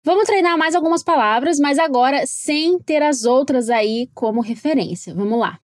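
A woman with a Brazilian Portuguese accent leads a scripted pronunciation lesson. Her voice sits a little high, and she explains patiently, slowing down to model each English word. The sound is dry and close. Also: animated, no room sound. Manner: clear, explanatory, slows down to model English words.

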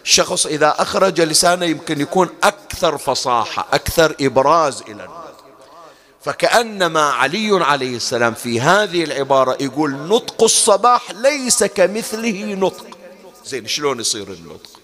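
A man's voice: a little high, sing-song, brisk, fairly bright tone. A man giving a religious lecture, asking himself rhetorical questions as he teaches. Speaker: preacher.

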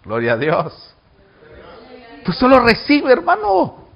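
A male pastor preaching a fervent sermon, shouting out calls and then dropping low, with jokes for the congregation. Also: wildly swooping pitch, slow, creaky, dull audio.

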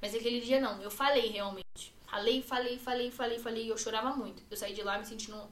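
A woman's voice: a little high, steady tone, fast talker, echoey room, far from the mic, slight background noise. An 18-year-old woman with a Brazilian Portuguese accent, a podcast guest telling a personal story in a run-on way, full of fillers and repeats.

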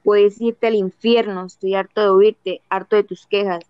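A worn-out husband in his fifties, dodging and flat-voiced, as a woman reads him. Her tone is smooth and even, and the dry, dull audio has faint music behind it. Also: mid-range voice, normal speed, no room sound, close to an everyday voice. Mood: weary. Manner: tired, flat, dodging answers. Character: weary evasive husband of fifty-six, man. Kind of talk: audiobook dialogue reading.

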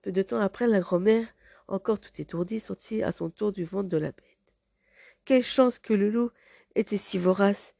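A woman narrating a fairy tale in an expressive, dramatic read-aloud manner. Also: medium pitch, moderate pace, gravelly, no echo. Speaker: storyteller.

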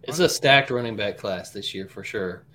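A man's voice: fairly low pitch, animated, moderate pace, sharp tone. A man on a sports podcast panel giving casual football analysis over some background noise.

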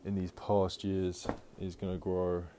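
Low, flat-voiced man podcasting at home. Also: unhurried, background noise. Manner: rambling, many fillers and restarts. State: out of breath. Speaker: podcast host. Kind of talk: casual solo podcast monologue. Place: at home, moving around the house.

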